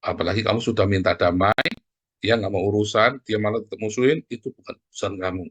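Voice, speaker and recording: Animated man preaching casually. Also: fast talker. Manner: animated, conversational, with jumps in pitch and frequent asides to the congregation. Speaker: pastor. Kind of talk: casual sermon.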